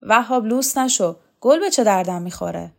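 A woman voicing a defiant, scornful woman prisoner in an audiobook, speaking loudly. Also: mid-range voice, lively intonation, gravelly, voice pushed up.

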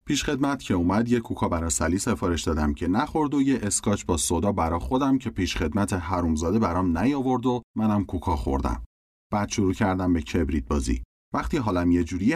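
A man's voice: low-pitched, darkish tone, dry recording, studio quality. A man reading a novel aloud in a casual spoken style, his first-person narrator's voice often rising in agitation. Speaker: audiobook reader.

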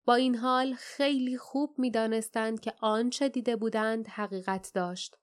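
A woman narrates an audiobook in a fairly high voice. Her reading is measured and expressive, with steady storytelling pacing. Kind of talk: scripted narration.

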